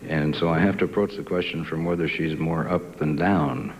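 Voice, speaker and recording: A middle-aged man answers as a game show contestant. His voice is very deep. There is slight noise on the old studio broadcast. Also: steady tone, moderate pace. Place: television studio. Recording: faintly noisy old TV broadcast.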